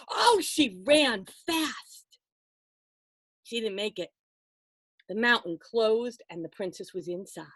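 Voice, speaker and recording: With a voice that sits high, a woman storyteller shares a folktale with listeners, conversational and full of expression, breaking for dramatic pauses and asides. There's no echo.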